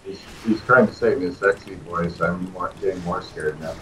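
A man gaming with friends, teasing them with halting, stop-start remarks. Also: low-pitched, fairly bright tone, a little hiss or hum, rough recording. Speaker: gamer playing with friends. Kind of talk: casual gameplay banter.

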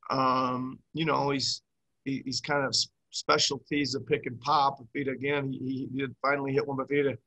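Answering post-game press questions over a video call, a middle-aged basketball head coach speaks into his webcam from a small room with a team backdrop. His medium-pitched voice is level, pushed, and bright at normal speed, on a low-quality recording. He rambles, repeats words, and keeps restarting.

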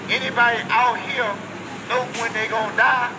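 A man's voice: extremely high pitch, little pitch movement, moderate pace. A man street preacher speaking through a megaphone outdoors on a busy street corner, making fervent, repetitive calls to repent. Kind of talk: open-air street preaching. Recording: distant voice over loud traffic noise.

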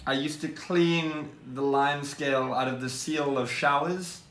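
A man's voice: on the high side, steady tone, measured pace, noisy background. A young man in a casual vlog, playfully pranking a scammer with mock-earnest chatter. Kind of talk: casual vlog narration and prank phone call. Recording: roomy echo, faint music behind.

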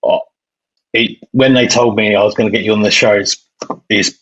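A man hosting an interview podcast, fast-talking and enthusiastic, often repeating words as he goes. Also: fairly low pitch, fairly even intonation, fairly bright tone, husky. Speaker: podcast host. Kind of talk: interview conversation. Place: remote call. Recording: muffled lo-fi sound.

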